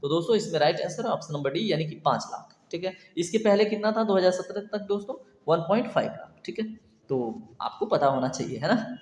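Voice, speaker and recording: A man teaches an exam prep lecture in a high voice. He fires off questions and answers each one himself, repeating the key points. His voice rings through a roomy hall with a long echo. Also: lively intonation, brisk, darkish tone. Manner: repetitive quizzing, asks and answers himself.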